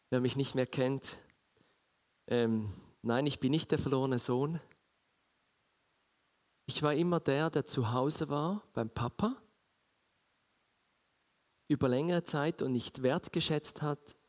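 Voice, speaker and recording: A man preaching a sermon, asking his listeners direct questions and growing louder and higher as he retells scripture. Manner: asks the congregation direct questions.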